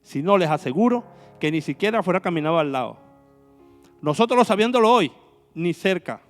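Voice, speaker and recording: A man's voice: high voice, long reverb tail. A man preaching a sermon as minister, asking the congregation rhetorical questions. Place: church hall.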